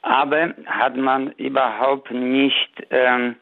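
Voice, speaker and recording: A man from Poland with a Polish accent calls into a radio show, speaking halting German with non-native grammar. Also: mid-range voice, little pitch movement, vocal fry, no echo. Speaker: caller. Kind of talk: call-in radio comment. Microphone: telephone. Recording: tinny phone line.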